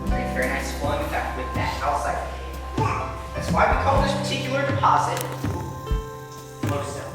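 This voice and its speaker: A woman leads a tour group through a cave, explaining each stop and often doubling her words for emphasis. Her voice sits a little low for a woman. It rings out in a roomy cave echo with a long tail. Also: sing-song, moderate pace, pauses often, loud music behind the voice. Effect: cave echo, long reverberation. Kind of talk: guided tour talk to a group. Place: inside a large limestone cave. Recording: echoey cave with long reverb.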